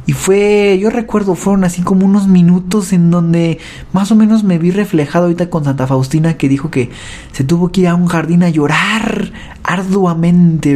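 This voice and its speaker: A man with a Mexican accent gives a personal faith testimony, halting, repeating words and often tagging his sentences with a question. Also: a little high, dark tone.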